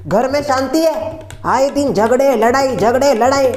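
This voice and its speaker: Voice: high voice, unhurried, darkish tone. A performer playing a weary, moralizing older father-in-law in a family comedy skit, lecturing in a tired way. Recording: echoey room, faint background music.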